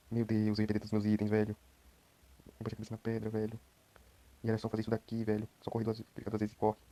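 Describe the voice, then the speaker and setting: A young Brazilian man giving quiet, rambling commentary while he plays a game. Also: fairly low pitch. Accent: Brazilian Portuguese. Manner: talks quietly at night, rambling. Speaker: gameplay streamer. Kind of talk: casual gameplay commentary.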